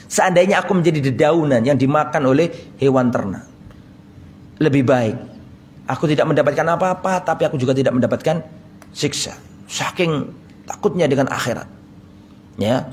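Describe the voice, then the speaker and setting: A man's voice: medium pitch, slight background noise. A male preacher giving a mosque study sermon, reading Arabic phrases and explaining them in with a slight touch, often asking the audience questions. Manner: storytelling, reads Arabic then explains in Indonesian, asks the audience questions. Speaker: Islamic preacher.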